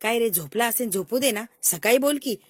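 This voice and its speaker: A woman's voice: fairly high pitch, lively intonation, a little fast, slightly rough, dry recording. A woman playing a soothing sister-in-law. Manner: soothing, easygoing. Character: young sister-in-law, calming and relaxed.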